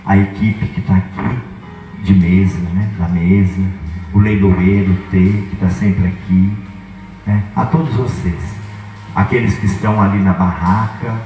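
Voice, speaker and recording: Slow-paced priest over echoing PA. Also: male voice, deep voice, steady tone, mellow. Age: middle-aged. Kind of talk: spoken blessing and prayer at an event. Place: open-sided tent at outdoor cattle auction. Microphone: handheld microphone through PA. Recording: echoey PA system, distant, faint music.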